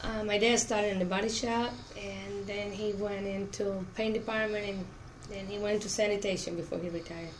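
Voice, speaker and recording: This middle-aged woman, a Spanish speaker from Cuba, is interviewed for an oral history about her work in an auto plant. She speaks at normal speed with a medium-pitched, steady voice. The recording has poor audio and clear background noise.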